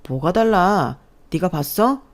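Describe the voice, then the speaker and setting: A woman's voice: lowish voice, expressive, takes it slowly. A woman voicing an arrogant young man who is being exposed as a fraud, talking in a scornful, defensive way.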